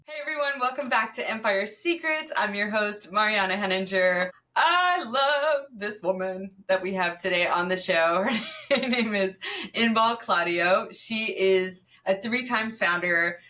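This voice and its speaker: A bright, clear-toned woman hosts a podcast interview, upbeat and quick to laugh. She sits a little back from her mic, so her voice has a slightly distant edge. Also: medium pitch. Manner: enthusiastic, laughs easily. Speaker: podcast host.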